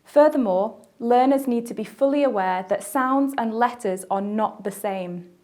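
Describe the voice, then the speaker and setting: A woman with a British accent giving a scripted, measured teaching narration for a language course, pausing to let listeners reflect. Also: a little high, darkish tone. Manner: measured, clear teaching delivery with pauses for reflection.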